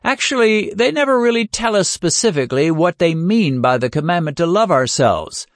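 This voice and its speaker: A man delivers a sermon with an earnest, searching tone, leaning on rhetorical questions and slowing his words to drive points home. His voice sits a little high for a man. The recording is dry and close, with no room sound. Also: animated, no room sound. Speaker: preacher.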